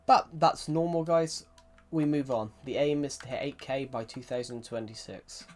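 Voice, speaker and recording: A young Englishman with a Southwest accent chats casually while streaming a game, his voice medium-pitched and darkish at a normal speed. He rambles, keeps restarting sentences, and reads viewer messages aloud. Faint music and keyboard typing sit in the background.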